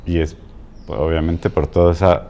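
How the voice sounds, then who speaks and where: A man guest coach talking in a halting way, repeating words and checking in with "¿no?". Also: sits low, flat delivery, dark tone. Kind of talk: casual conversation.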